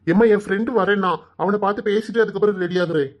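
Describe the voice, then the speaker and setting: An easygoing young man in a cartoon answers his mother quickly and offhandedly, as a woman puts him on. He has a Kanyakumari Tamil accent and a mid-range voice that sits much lower than the other figures. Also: a little mellow, close to an everyday voice.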